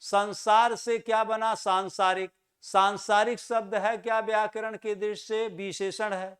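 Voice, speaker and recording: This high-pitched male teacher, his tone a bit bright and fairly flat in pitch, walks exam students through Hindi grammar. He answers his own questions and slowly repeats important words to underline correct pronunciation.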